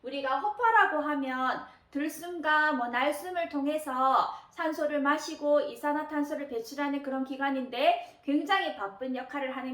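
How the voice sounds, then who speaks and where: A woman teaching Japanese kanji readings, patient, often pausing with fillers and repeating key words slowly. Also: sits high, fairly bright tone. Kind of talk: explanatory lesson narration. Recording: roomy echo.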